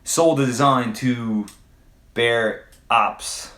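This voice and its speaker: Speaking extremely slowly, this mid-range, slightly bright male voice stays fairly even in intonation. He's a French-first livestream host from Quebec, Canada, working through chat questions in a relaxed, hesitant manner full of fillers and swearing, and the room gives the audio a noticeable echo.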